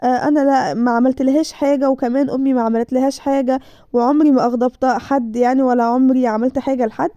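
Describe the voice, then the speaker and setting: A woman's voice: sits high, steady tone, very fast, warm tone, dry recording, close to an everyday voice. A woman voicing a frightened young girl, pleading anxiously with an Egyptian Arabic accent. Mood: scared. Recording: dull dry lo-fi recording.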